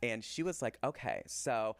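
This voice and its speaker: A man co-hosting a podcast, telling an animated story and acting out the people in it. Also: mid-range voice, moderate pace, no echo. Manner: animated storyteller who acts out quotes. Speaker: podcast co-host. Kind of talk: casual chat.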